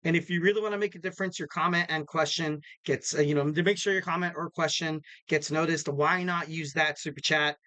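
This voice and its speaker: A man hosts a casual solo wrestling preview podcast, rambling in upbeat promo talk packed with fillers. His voice is bright, forceful, slightly raspy and a little higher than most men's, with fairly even intonation, a brisk pace and few pauses. The sound is dry and close, with no echo.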